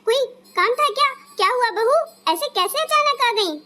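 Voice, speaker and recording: A woman's voice: very high voice, lively intonation, normal speed, pushed and bright, exaggerated voice. A woman voicing a fussy cartoon mother-in-law. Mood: flustered. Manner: flustered, stammering when caught. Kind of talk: Hindi cartoon dubbing.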